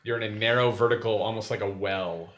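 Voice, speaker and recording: Male game master, fairly low voice, casual improvised narration, often halting. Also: steady tone, a loud crowd. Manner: halting, searching for words.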